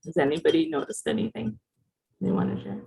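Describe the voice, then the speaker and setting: A woman's voice: medium pitch, a little fast, gravelly, mellow, rough recording. A woman from Barbados, giving a conversational presentation over a video call and putting questions to her audience. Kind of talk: interactive presentation.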